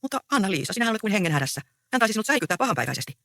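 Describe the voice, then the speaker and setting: Reader voicing a proud young peasant man, reassuring, bright tone, dry close sound. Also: mid-range voice, sing-song, dry recording, pitched above the performer's own voice.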